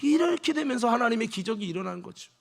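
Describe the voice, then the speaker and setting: A high-voiced man preaches a Sunday sermon in a church, bringing the scripture alive by acting out each character's lines. He swings between loud calls to the congregation and quiet, close asides. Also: animated, brisk. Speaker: senior pastor. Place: church sanctuary.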